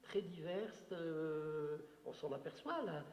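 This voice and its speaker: An Algerian male author whose first language is Algerian Arabic gives an unscripted lecture answering an audience question in a hall, digressive and emphatic with many fillers. His voice is on the high side, slow and a little mellow, in a roomy space with long reverb.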